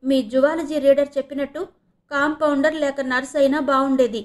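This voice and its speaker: A woman's voice: sits high, little pitch movement, fairly quick, a little mellow, voice pushed up, natural voice. A woman voicing a dramatic, sing-song young female student in an audio novel reading.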